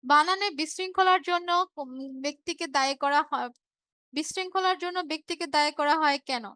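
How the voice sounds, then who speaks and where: A woman's voice: high-pitched, fairly quick, pushed and bright, no echo. A woman teacher from Bangladesh giving an online revision class, explaining patiently, repeating key words and checking in with her students.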